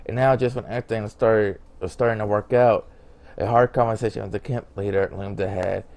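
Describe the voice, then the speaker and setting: A man's voice: fairly low pitch, fairly even intonation, fairly quick, gravelly, darkish tone. A man reading a visual novel aloud, who stumbles over words, restarts them, and mutters asides to himself. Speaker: game narrator.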